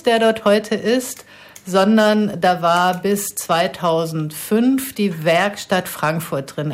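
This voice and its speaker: A woman guesting on a talk show, recounting events fluently. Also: mid-range voice. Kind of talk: casual chat.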